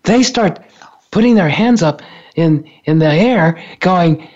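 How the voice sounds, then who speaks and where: On a radio talk show with a dull lo-fi sound, a co-host in his sixties tells a casual story, laughing and acting out the other people in it. His voice is high-pitched, animated and a little mellow, and he speaks slowly.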